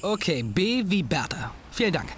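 A man's voice: sits high, big pitch swings, normal speed, fairly bright tone, a little hiss or hum. An eager teenage boy detective. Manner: polite, eager, curious. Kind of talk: video game voice acting. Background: game music.

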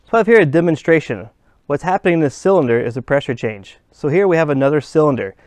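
In a fairly high, darkish voice, an HVAC instructor talks fast and animatedly while demonstrating at a workshop bench. He explains the trade plainly, step by step, as he handles parts, and there is no echo.

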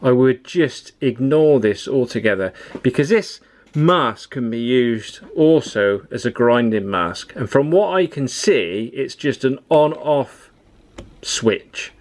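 A plain-spoken man in his forties walks through a product review in his own workshop. He talks in a practical, down-to-earth way and gives direct advice, with a voice of ordinary pitch. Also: animated, slow, a little mellow. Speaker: tool reviewer. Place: home workshop with tools on the wall.

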